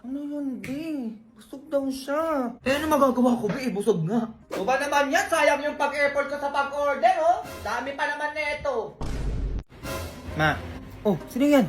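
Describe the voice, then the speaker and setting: A woman's voice: high voice, lively intonation, normal speed, faint music behind. A woman performing comic sketches, bantering and teasing in a gossipy way. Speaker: comedy skit performer.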